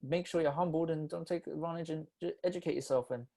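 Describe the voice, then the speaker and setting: A man's voice: on the high side, quick pace, vocal fry, warm tone. A man in his twenties from the Philippines, a podcast host in casual chat, loose and slangy, turning earnest on serious topics. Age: 20s.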